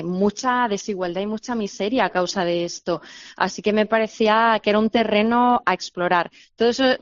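A woman novelist answering interview questions, speaking haltingly with many restarts and fillers. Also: medium pitch. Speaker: novelist guest. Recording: slightly dull lo-fi line.

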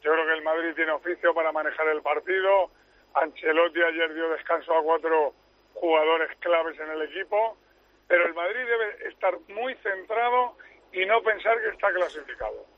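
A man phoning in from a moving car, chatty and opinionated as he weighs up the match. The line is thin and tinny, and his voice sits a little high. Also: moderate pace. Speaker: commentator calling in. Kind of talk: radio sports talk. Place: car on the road.

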